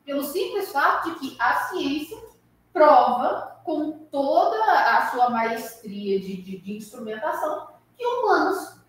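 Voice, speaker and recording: A woman leading a spiritist study class, animated and acting out quoted voices, recorded far off in a hall. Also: high-pitched, unhurried. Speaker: study group lecturer. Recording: echoey room from far off, faint hiss.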